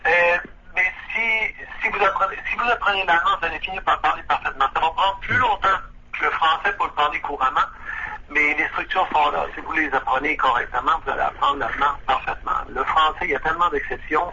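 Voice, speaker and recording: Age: unknown. Sex: man. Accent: Québécois. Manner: hesitant, halting, nervous. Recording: dull phone line, faint hiss, bright tense tone. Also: fairly high pitch, gravelly. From Quebec. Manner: hesitant, many "euh" and restarts, admits nervousness. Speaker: phone-in guest living abroad. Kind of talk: casual phone interview. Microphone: telephone.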